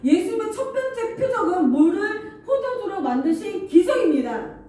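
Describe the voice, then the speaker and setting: Woman pastor, high, mellow voice, animated sermon; heavy church echo, distant mic. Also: moderate pace. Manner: animated preaching, acting out Jesus's angry words. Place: church sanctuary. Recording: echoey church hall, voice from far off the mic.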